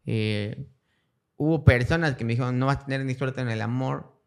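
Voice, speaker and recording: A man's voice: medium pitch, normal speed, gravelly, a little mellow. A young adult man with a Mexican Spanish accent, a guest speaking in a casual interview who tells his story and acts out the voices of people in it. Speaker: guest, cancer survivor.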